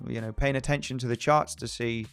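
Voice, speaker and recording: Guy hosting a trading stream, rambles and restarts a lot, smooth resonant voice. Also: medium pitch, fairly even intonation, brisk, a bit bright, faint music behind. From Spain. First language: Spanish. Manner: rambling, frequent restarts, reads viewer comments aloud. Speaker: trading livestream host. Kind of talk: casual livestream chat.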